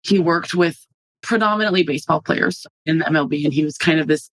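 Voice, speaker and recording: Young woman softball player, animated storyteller. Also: low-pitched, a little fast, husky, dry recording, rough recording. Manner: animated storyteller, acting out quotes. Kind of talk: casual podcast interview.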